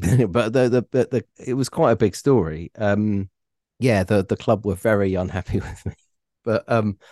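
A middle-aged man being interviewed, telling stories in a relaxed, hesitant way with frequent ums and restarts. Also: fairly low pitch, no echo, clean studio sound. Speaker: podcast guest, former radio reporter. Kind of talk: casual interview chat.

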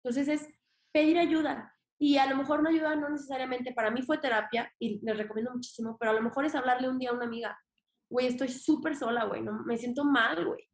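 This podcast guest, a young woman with a Mexican accent, talks fast in a high voice with a steady tone. Her casual interview chat is emphatic, with slang and the odd swear word mixed in. The recording echoes roomily.

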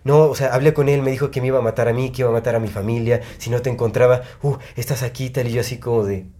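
A man's voice: mid-range voice, steady tone, racing, mellow. A young man with a Mexican Spanish accent, rambling through a personal story on a podcast with lots of fillers and restarts. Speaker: podcast co-host. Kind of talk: casual chat, storytelling.

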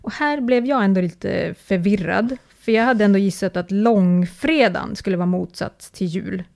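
A woman's voice: medium pitch, creaky, a little mellow. A woman hosting a casual podcast, reading out listener messages with sarcasm and frequent swearing. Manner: sarcastic, swears freely, laughs often. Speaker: podcast host.

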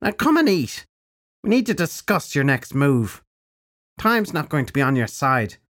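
A man reading an audiobook, voicing a cackling old crone who is blunt and wise, in brisk, matter-of-fact lectures. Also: on the high side, sing-song, fairly bright tone, pitched above the performer's own voice. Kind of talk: audiobook narration.

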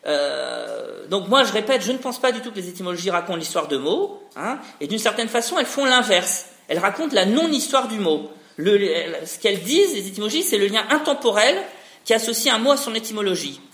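This lecturer's voice sits high and a bit bright, and he speaks briskly and very animatedly. His academic talk wanders, full of restarts and frequent "hein" tags, and the room adds a noticeable echo.

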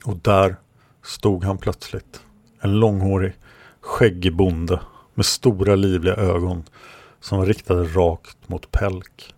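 A man reading his own fantasy novel aloud as an author and podcast narrator, calm and measured. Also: deep voice, no room sound. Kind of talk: audiobook narration.

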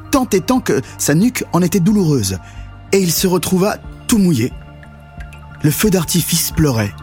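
A man narrating a children's story, expressive and swelling at the exciting moments. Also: on the high side.

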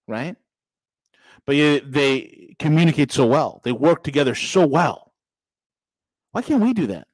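Talking straight to his audience, a man in his 40s hosts an informal political podcast with a preachy delivery that builds in emphasis. His voice is a little high, and the recording sounds dry and rough.

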